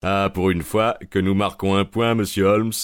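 A man reading an audiobook, voicing an excited police detective in a raised voice. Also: sits low, normal speed, clean tone, no echo, studio quality, natural voice. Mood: eager.

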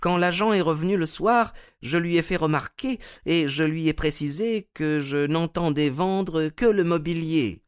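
A woman's voice: sits low, unhurried, hardly any pauses, smooth, dry recording, clean studio sound. A woman voicing an earnest, troubled widow telling her story in an audio drama.

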